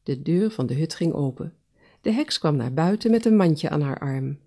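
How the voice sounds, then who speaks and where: Lady reading a kids story, lowish gravelly voice, gentle. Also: lively intonation, moderate pace. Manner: gentle narration with character voices. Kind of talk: reading a children's story aloud.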